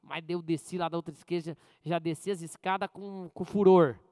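A man gives a relaxed sermon featuring humor and stories from his own life, often questioning the congregation while his volume swings between loud high bursts and quiet asides. His intonation stays fairly even, his pace is fairly quick, and the recording is dry.

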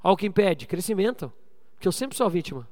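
A man with a strikingly high voice preaches to his church. He calls out for amens and swings from loud, pressing exhortation down to low, quiet asides. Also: big pitch swings, fast, big-room sound. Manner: preaching with call-and-response to the congregation. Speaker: pastor. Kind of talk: sermon.

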